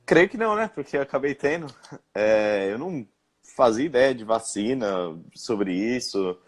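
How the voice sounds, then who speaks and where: A young man from Brazil tells his own story in a live-stream interview. He speaks haltingly, with frequent fillers and false starts, in an ordinary mid-range voice. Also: mid-range voice, lively intonation. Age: young adult. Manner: hesitant, many fillers and restarts. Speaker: interviewed guest.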